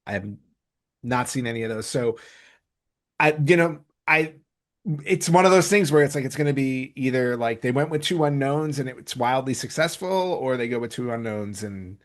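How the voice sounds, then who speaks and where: In a mid-range voice at an ordinary pace, a male podcast host chats casually about entertainment news. He tends to ramble, frequently reworking his sentences partway through.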